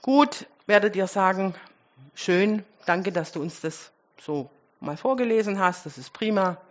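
A woman preaching a sermon, speaking straight to her congregation with rhetorical questions and moving between loud emphasis and quiet asides. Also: medium pitch, animated, a little slow, dull audio.

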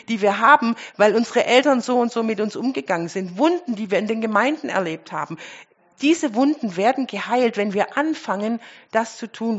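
A woman preaching a sermon, speaking straight to her congregation with rhetorical questions and moving between loud emphasis and quiet asides. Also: mid-range voice, dull audio.

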